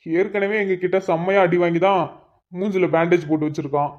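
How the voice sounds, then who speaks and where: A woman's voice: lowish voice, steady tone, brisk, lightly acted. A woman voicing a male friend in a cartoon who complains and teases in banter. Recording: dull lo-fi recording.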